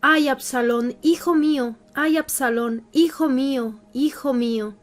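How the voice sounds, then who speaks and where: A woman reading the lines of a grieving old king, an anguished father, in a wailing, drawn-out lament. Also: high-pitched.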